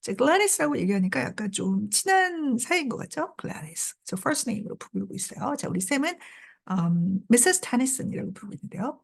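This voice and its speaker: A woman teaching English reads a novel aloud and explains it in Korean, her fairly high voice gravelly with a breathy edge, at normal speed. Lively, she keeps the class along with small repeated prompts such as "자" and "그죠?".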